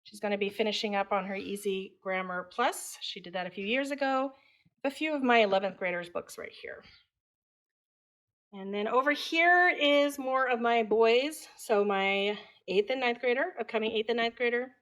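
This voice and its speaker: A woman's voice: on the high side, normal speed. A middle-aged woman who grew up in Taiwan, a homeschooling mother casually chatting as she shows her home. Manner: relaxed, chatty, matter-of-fact. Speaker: homeschooling mother and channel host. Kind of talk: casual home tour vlog. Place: at home, indoors.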